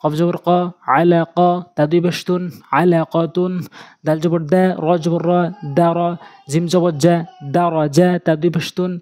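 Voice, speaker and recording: A man teaching Quran reading, spelling out syllables in a slow, sing-song drill. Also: high voice, flat delivery, darkish tone, no echo.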